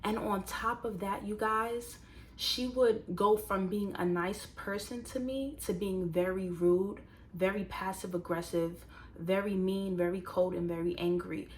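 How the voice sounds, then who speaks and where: A woman in her twenties, casually telling a personal story to viewers and turning it into motivational advice, animated and talking straight to the audience. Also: mid-range voice, a little slow, slight background noise. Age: 20s. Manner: animated, conversational, addresses viewers directly. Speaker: vlogger.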